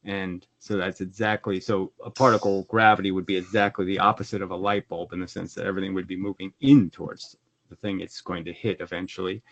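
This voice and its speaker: A man on a video call explaining his own physics model in casual speech, often restarting his sentences and growing animated when challenged. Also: deep voice, brisk, dry recording. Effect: heard over a video call. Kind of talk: conversational explaining. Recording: dull, dry video call audio.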